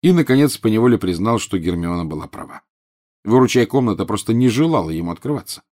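A man narrating an audiobook in an expressive, measured reading. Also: on the low side. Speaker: audiobook reader. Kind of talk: scripted narration.

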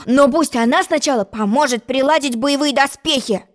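A woman's voice: high-pitched, moderate pace, close to an everyday voice. A woman reading a storybook, voicing a gloomy, suspicious little boy. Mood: sulky.

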